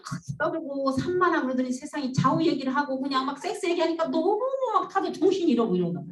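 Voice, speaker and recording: A woman counselor giving a storytelling lecture, animated and acting out the voices she quotes. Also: sits high, fast. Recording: roomy sound from a distance.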